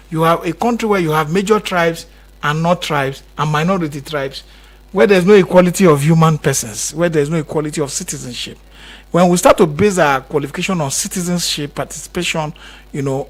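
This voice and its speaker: Impassioned Nigerian man, higher voice. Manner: impassioned, repetitive, rising when stressing points. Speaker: guest commentator. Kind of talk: radio interview.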